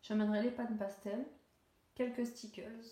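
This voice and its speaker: A woman's voice: on the high side, fairly even intonation, moderate pace, dark tone, echoey room. A young woman chatting casually while coloring, rambling with many fillers and self-corrections, laughing at her own jokes. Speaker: coloring YouTuber.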